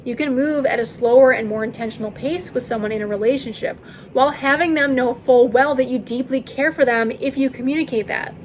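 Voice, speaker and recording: A woman giving a scripted commentary as a video host, projecting her voice to be heard over heavy rain. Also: a little high. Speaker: video host and channel creator. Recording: clear rain noise behind voice. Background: rain falling overhead.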